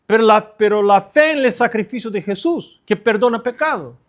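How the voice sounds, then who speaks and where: A middle-aged pastor preaching a sermon to other pastors, earnest and repetitive, stressing short phrases. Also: male voice, high voice, moderate pace.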